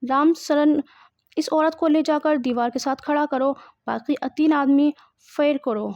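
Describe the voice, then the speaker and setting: A woman's voice: high voice, steady tone, darkish tone, no echo, muffled recording. A woman reading the lines of a stern, threatening male soldier leader in a play, giving curt commands. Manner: curt commands, read from a script.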